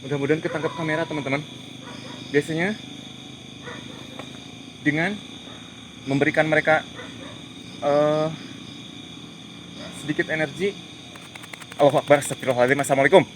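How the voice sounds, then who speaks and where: A man hosting a paranormal investigation, giving hushed, tense live commentary outdoors at night among trees, muttering prayers and pleading. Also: on the high side, fairly even intonation, normal speed, long pauses, noisy background. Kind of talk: live ghost-hunting commentary.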